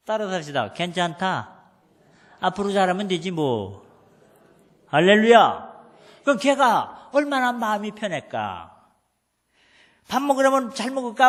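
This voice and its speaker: A middle-aged man preaches a homespun sermon, acting out scolding family scenes and asking the people to repeat phrases after him. His voice sits very high and swings widely in pitch. The long reverb of the church hall trails behind every line. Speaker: pastor. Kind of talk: folksy sermon. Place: church sanctuary.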